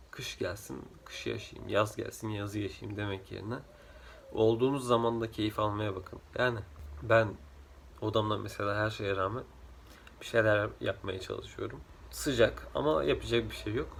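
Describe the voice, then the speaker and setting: Sleepy man with a low, creaky voice. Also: a bit bright, a little hiss or hum. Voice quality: trouble pronouncing L and R sounds. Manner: sleepy, rambling, jumps between topics. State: drowsy, rough just-woken voice. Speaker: vlogger. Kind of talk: casual chat vlog.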